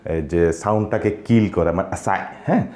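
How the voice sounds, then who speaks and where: A man teaching a language lesson, pausing often with fillers and checking in with his listeners. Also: sits low, dark tone, roomy sound. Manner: hesitant, many filler sounds, checks in with listeners.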